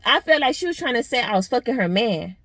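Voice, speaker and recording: A young woman vlogger telling a story in a blunt, animated, profane way. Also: fairly high pitch, fast talker, no echo. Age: young adult. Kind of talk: casual storytime vlog.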